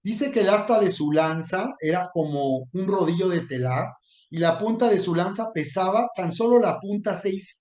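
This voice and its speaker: A man's voice: high-pitched, a little mellow. A man preaching a sermon, reading scripture and speaking emphatically straight to the listener. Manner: emphatic, addresses listener directly. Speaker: preacher and coach. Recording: roomy echo.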